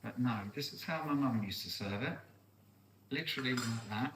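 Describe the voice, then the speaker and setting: A middle-aged man with a Norfolk accent, a chef hosting a casual cooking demonstration. He talks in a chatty, relaxed way and explains each step as he goes. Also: medium pitch, moderate pace. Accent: Norfolk English. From North Norfolk, England. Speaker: chef and host. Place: outdoors on salt marshes, then a home kitchen. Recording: roomy and distant with faint background noise.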